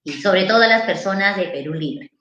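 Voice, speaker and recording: A woman's voice: mid-range voice, lively intonation, brisk, fairly bright tone, dull audio. A woman, a psychologist giving an informal seminar and answering questions in a conversational way, often ending phrases with tag questions. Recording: echoey room.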